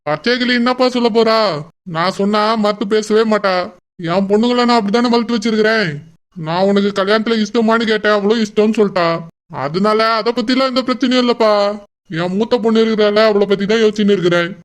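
A man's voice: high-pitched, fairly even intonation, quick pace, smooth, close to an everyday voice. A man voicing a worried middle-aged father in a cartoon, muttering and fretting over his daughters' weddings. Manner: fretful muttering to himself. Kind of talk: cartoon voice acting.

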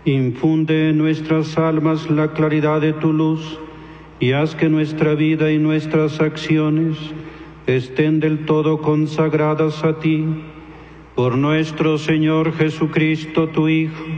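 A man leading Mass as priest, praying and intoning the liturgy in a slow, measured chant under a cathedral echo. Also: on the high side, monotone, a little mellow. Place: large church. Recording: dull echoey church recording with music.

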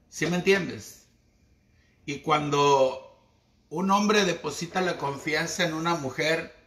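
Mexican man, esoteric livestream host, slangy theatrical chat, high-ish bright voice, echoey room. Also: a little hiss or hum. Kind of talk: casual livestream monologue.

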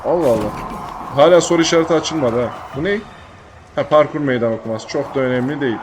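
A man's voice: mid-range voice, fast, background noise. A young man giving casual let's-play commentary, joking, swearing and bantering at the game. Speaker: gaming YouTuber.

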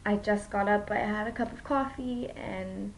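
A woman's voice: mid-range voice, fairly even intonation, moderate pace, slight background noise. A young mother giving a casual home video update about her toddler, chatty and rambling with many ums, tired after a poor night's sleep. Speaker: young mom vlogger.

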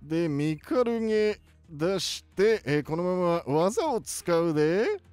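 A man voicing an excitable elderly cartoon professor, giving playful video game commentary with drawn-out words. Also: high-pitched, clear, resonant tone, dry recording, faint music behind, heavily acted. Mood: cheerful, explaining. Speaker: gaming video host.

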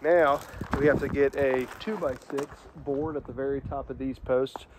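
A man's voice: medium pitch, normal speed, background noise. Easygoing man explaining a barn build outdoors. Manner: relaxed, thinking aloud with fillers. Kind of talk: casual vlog explanation.

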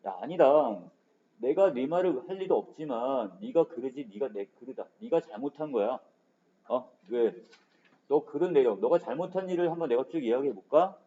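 A man's voice: mid-range voice, expressive, normal speed, mellow, close to an everyday voice. A man reading the lines of a blunt young male servant who lectures a girl, in a dull lo-fi recording. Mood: lecturing.

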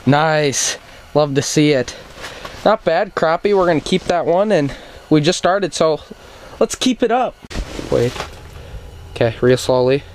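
A man's voice: on the high side, expressive, a little slow, pauses often. Young man, casual fishing vlog, upbeat coaching, action camera, faint outdoor hiss. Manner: coaching, upbeat, repeats short cheers. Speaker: outdoors channel host. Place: small ice fishing shelter on a frozen lake.

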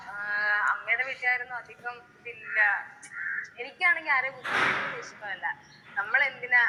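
Woman, interviewee, very bright tone, gentle consoling manner, hesitant pauses. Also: sits high, big-room sound, a little hiss or hum, low-quality recording. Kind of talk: emotional interview.

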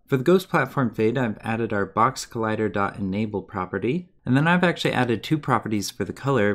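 A man giving a methodical step-by-step game development tutorial as a voice-over. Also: lowish voice. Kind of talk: screen-recorded coding tutorial.

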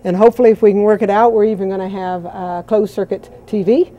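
A woman's voice: mid-range voice, fairly even intonation, quick pace, muffled recording. A woman from a college foundation, talking enthusiastically and chattily on camera in a large indoor hall. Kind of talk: on-camera interview.

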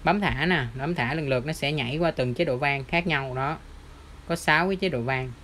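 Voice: mid-range voice, fairly quick, fairly bright tone, a little hiss or hum. An audio shop presenter with a Southern Vietnamese accent, walking viewers through a device demo step by step in a chatty, pointing manner. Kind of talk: product demo tutorial.

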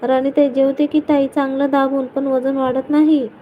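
A woman's voice: high voice, level tone, normal speed, narrow, tinny audio, slight background noise. A woman hosting a casual live stream, greeting viewers by name and teasing them playfully.

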